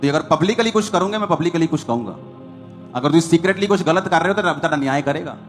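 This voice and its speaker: A man's voice: on the high side, animated, racing, soft background music. A man preaching a sermon as pastor, hammering his points in short repeated phrases.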